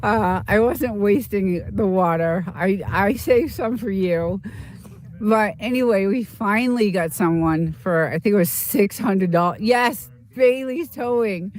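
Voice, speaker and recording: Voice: mid-range voice, a little slow. A livestream host from Boston telling stories in casual, rambling chat with viewers, full of fillers and restarts. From Boston, United States. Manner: rambling, chatty, storytelling with many fillers.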